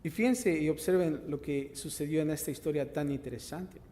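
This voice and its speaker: Man, pastor, sermon, rhetorical questions, surging then hushed delivery, fairly high voice, long church echo. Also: a little fast. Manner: emphatic preaching, swells loud then drops soft, rhetorical questions to the congregation. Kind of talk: sermon with scripture reading. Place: church sanctuary.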